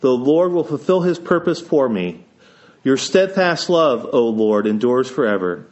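Male preacher, Appalachian twang from Eastern Ohio, voice with a cold, solemn measured delivery, medium pitch, dull recording. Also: sing-song, darkish tone. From Eastern Ohio, United States. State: has a cold. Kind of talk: sermon with scripture reading and prayer. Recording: dull, band-limited sound.

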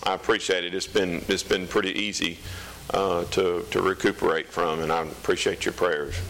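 A man's voice: deep voice, level tone, fairly bright tone, a little hiss or hum, poor audio. A man with a Southern US accent preaching an informal sermon as a pastor, in a folksy, conversational manner. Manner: folksy, conversational, hesitant pauses. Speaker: pastor preaching to his congregation. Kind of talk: informal sermon with scripture reading.

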